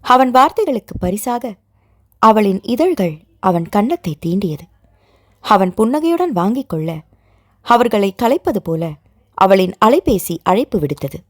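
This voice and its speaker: A woman narrating an audio novel in an expressive storytelling manner with a Tamil accent. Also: mid-range voice, a little slow, long pauses, no echo, clean studio sound. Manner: expressive storytelling, voices dialogue. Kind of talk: scripted narration.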